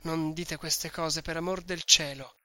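A man reading a novel aloud, voicing an anxious older mother who gives hushed, urgent warnings. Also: a little high, fairly even intonation, a little slow, no echo. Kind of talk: read-aloud novel dialogue.

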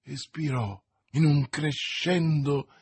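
Husky, slow-reading male narrator. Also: on the high side, fairly even intonation. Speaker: audiobook narrator. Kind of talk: reading a classic novel aloud.

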